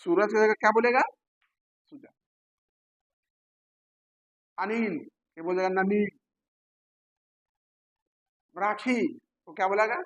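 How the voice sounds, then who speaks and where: A man teaching a lecture, posing questions to his listeners and answering them himself, repeating key terms slowly. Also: sits high, a bit bright, rough recording. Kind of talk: classroom lecture.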